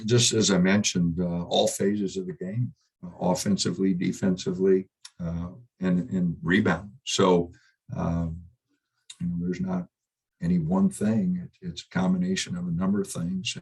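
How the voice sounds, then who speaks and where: A middle-aged man, a basketball head coach, answering questions at a postgame press conference in a subdued, halting way with many fillers. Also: deep voice, flat delivery, vocal fry, darkish tone, slightly rough.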